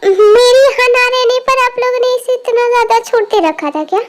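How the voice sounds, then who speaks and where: A woman's voice: very high voice, normal speed, pitched above the performer's own voice. A woman voicing a bossy, teasing young man just back from abroad in a fan audio drama. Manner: teasing, scolding, sarcastic.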